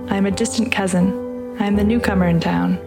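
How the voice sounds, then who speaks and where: A woman reading a narrative piece aloud and introducing the program in a measured, deliberate way. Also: medium pitch, fairly even intonation, creaky. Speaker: podcast host and reader. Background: music underneath.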